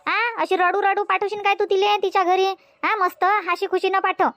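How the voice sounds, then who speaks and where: A gossipy, soothing village aunt from a cartoon comedy, played by a woman, with a Varhadi Marathi accent. The voice is squeaky-high and recorded dry and close. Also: little pitch movement, moderate pace, fairly bright tone, no room sound. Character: chatty consoling village aunt.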